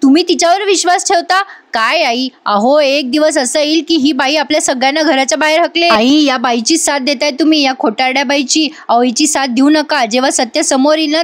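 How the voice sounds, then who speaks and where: A woman voicing a scheming, sharp-tongued young woman who taunts and accuses her family in a soap recap. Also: sits high, lightly acted.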